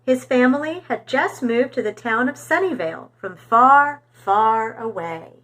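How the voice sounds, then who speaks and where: In a rough recording, a woman reads a storybook to young children, her voice a little high and her pace a little slow. Her storytelling is expressive and animated.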